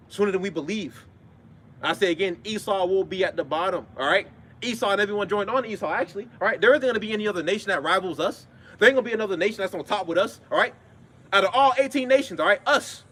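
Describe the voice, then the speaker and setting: A man delivers an informal sermon in a high voice, talking quickly. He is blunt and swears often. He drives home his points with emphatic repetition and constant check-ins with his listeners. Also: fairly bright tone, a little hiss or hum. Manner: blunt street talk with frequent swearing. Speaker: preacher. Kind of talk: informal sermon with scripture readings.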